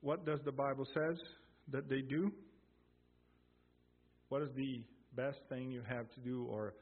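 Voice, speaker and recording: Guy preaching a sermon, slow and emphatic, husky, sounds like a phone line. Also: mid-range voice, fairly even intonation. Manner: emphatic, swelling loud on key phrases, quotes scripture slowly.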